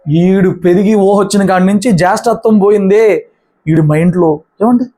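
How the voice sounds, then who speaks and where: High-voiced man preaching with fervor. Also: steady tone, normal speed, dark tone. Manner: emphatic, colloquial, acts out the brothers' lines. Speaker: pastor. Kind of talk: sermon.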